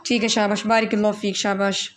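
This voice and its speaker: A woman's voice: medium pitch, flat delivery, a little hiss or hum. A woman teaching Quran recitation rules in an online class, patient and corrective with her students. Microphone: online call.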